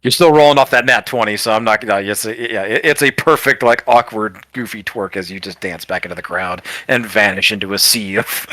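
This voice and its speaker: Male game master, bright forceful voice, dry close sound, playful narration. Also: lowish voice, dry recording. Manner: quick, playful narration with frequent laughs.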